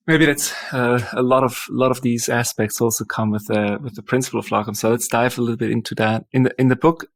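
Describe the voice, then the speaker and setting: Gravelly man hosting a podcast. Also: medium pitch, steady tone, fast talker, dry recording. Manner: hesitant, repeats words while asking. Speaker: podcast host. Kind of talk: casual podcast interview.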